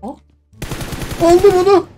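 A woman hosting a mobile shooter gameplay video, commenting in a loud, playful way and swearing at rivals. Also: extremely high pitch, lively intonation, slow, faint music behind. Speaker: gaming video host.

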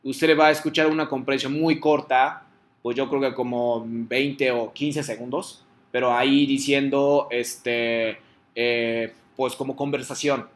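A man's voice: medium pitch, fairly even intonation, a little slow. A man teaching a class in Spanish, explaining patiently step by step and checking in with his students. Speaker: Japanese teacher.

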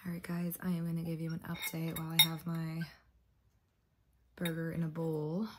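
A woman vlogging at home in a casual, rambling way, hoarse and coughing from bronchitis. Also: sits low, monotone, moderate pace, very noisy. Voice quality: husky, lost voice. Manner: chatty, rambling with fillers. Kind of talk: casual vlog chat.

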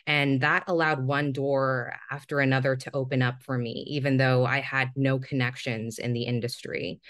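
A woman in her thirties from Singapore, a podcast guest calmly telling her life story over a video call. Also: extremely low pitch, moderate pace, no echo, studio quality. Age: 30s. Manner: calm, reflective storytelling. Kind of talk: remote interview.

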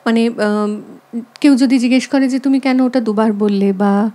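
A woman reciting poems slowly and expressively, with long pauses, then talking about how to recite them. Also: a little high, fairly even intonation, dark tone. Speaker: guest reciter. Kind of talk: poetry recitation and chat. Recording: long hall reverb with music behind.

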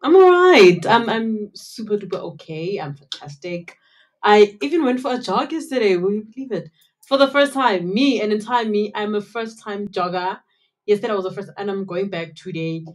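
A young woman with a South African accent co-hosts a casual radio chat. Her voice is medium in pitch, and she talks in a playful, emphatic way. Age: young adult. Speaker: radio co-host. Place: small radio studio. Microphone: studio microphone on a desk stand.

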